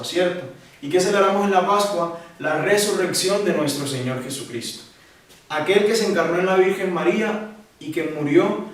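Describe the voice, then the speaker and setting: A man from Ecuador teaching a catechism lesson to young people, lively and asking questions that he answers himself. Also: sits high. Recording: echoey room, voice from a distance.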